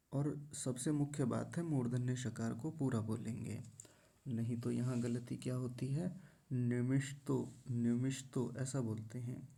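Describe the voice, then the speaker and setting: Man, pronunciation teacher, dark gravelly voice, drawn-out syllables, patient demonstration. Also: medium pitch. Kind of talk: recitation lesson.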